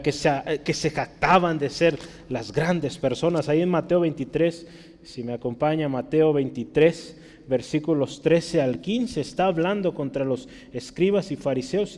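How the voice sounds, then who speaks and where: A man's voice: a little high, darkish tone. Mexican guy preaching, chatty teaching tone, keeps asking the crowd, long hall echo. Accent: Mexican Spanish. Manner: conversational teaching, frequent tag questions. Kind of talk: sermon.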